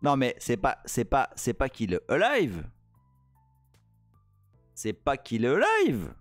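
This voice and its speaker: A French man hosting a casual live-coding stream, playful and excitable, chatting to viewers as he works. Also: medium pitch, slow pace, no echo, soft background music. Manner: playful, excitable, reads chat aloud.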